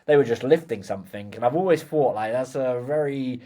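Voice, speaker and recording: A man's voice: mid-range voice, fairly quick, warm tone. A man hosting a casual business conversation, chatty and loose, leaning on fillers as he talks. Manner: chatty, many fillers like "like", agrees often.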